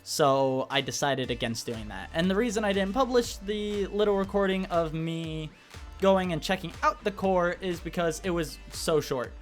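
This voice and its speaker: Young guy chatting loosely about his channel, soft music under him. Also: high-pitched, moderate pace. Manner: rambling, self-correcting, laid-back. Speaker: gaming channel host. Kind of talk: casual update vlog over gameplay. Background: soft background music.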